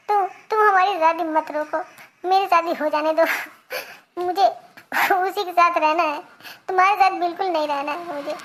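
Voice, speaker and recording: A young village woman from a cartoon comedy, voiced by a performer, speaking with an Awadhi accent. The voice is high and soft as she pleads and coaxes.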